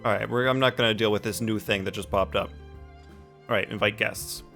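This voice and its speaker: A male livestreamer chats casually as he prepares his gaming stream, background music playing behind him. He speaks briskly in a fairly low, creaky, fairly bright voice whose intonation stays fairly even.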